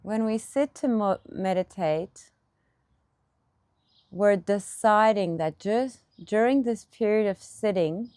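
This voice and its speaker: Her mid-range voice, recorded dry, carries a guided meditation in which she acts as teacher. The instructions come gently, in short and unhurried phrases with breaks in between.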